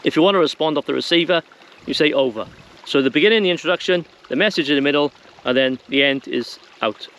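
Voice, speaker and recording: A fast talker with a fairly high, slightly bright voice, this man hosts an informal instructional video. He speaks to viewers simply and conversationally.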